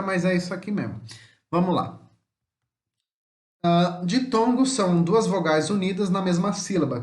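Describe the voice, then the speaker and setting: Man, Brazilian Portuguese accent, homeschool teacher, chatty, tag questions, slow sounded-out words, roomy echo. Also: high-pitched. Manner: chatty, many tag questions, slow deliberate word examples. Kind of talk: homeschool language lesson.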